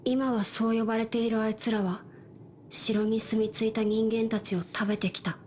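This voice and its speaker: A woman voicing a gentle young female game heroine in a Japanese video game, speaking softly and politely. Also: fairly high pitch, little pitch movement, fast talker, a little hiss or hum, close to an everyday voice.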